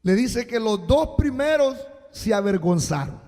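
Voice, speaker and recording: A man preaching a sermon as a pastor, slow and emphatic with sudden loud bursts, recorded live in a church. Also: sits high, sing-song. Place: church sanctuary. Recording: live church hall with long reverb.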